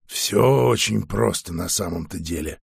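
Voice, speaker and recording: A man doing a gravelly, hushed wary scientist. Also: low-pitched, measured pace, no echo, clean studio sound, voice pushed down, exaggerated voice. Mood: resolute. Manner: cautious, quiet. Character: wary male scientist, hero.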